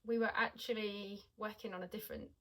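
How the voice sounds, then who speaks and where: Bright-voiced woman, chatting casually. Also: mid-range voice, steady tone, fairly quick, rough recording. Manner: hesitant, many ums and restarts. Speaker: singer and podcast co-host. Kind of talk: casual chat.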